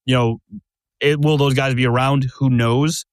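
A man hosts a basketball podcast in a steady, explaining way, setting up scenarios for his co-host. His voice is mid-pitched and the sound is dry and close. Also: normal speed, dry recording. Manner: steady, lays out questions and scenarios. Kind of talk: casual sports chat.

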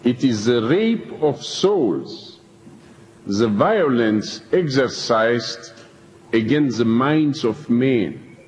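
An older man, a preacher, gives slow spoken testimony about his time in prison to an audience, using deliberate, emphatic phrasing with pauses. His voice is medium-pitched, animated, and darkish. The dull lo-fi archive tape, made in a reverberant hall, has a little hiss or hum.

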